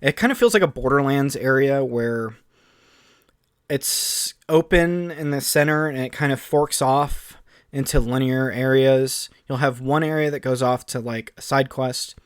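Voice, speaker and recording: A man co-hosting a podcast, chatting casually and excitedly in long rambling runs full of fillers. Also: mid-range voice, measured pace, clean tone, no room sound, clean studio sound. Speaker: podcast co-host. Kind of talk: casual chat.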